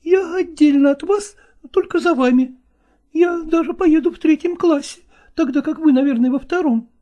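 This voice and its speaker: A woman's voice: high-pitched, moderate pace, warm tone, lightly acted. A woman voicing a stubborn young novice actress in an audiobook drama, insistent and pleading.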